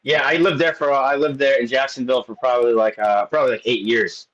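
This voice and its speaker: A man's voice: medium pitch, fairly even intonation, fast, a bit bright, muffled recording. A man in his late thirties, a guest in casual chat, rambling along with many restarts and fillers. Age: 30s.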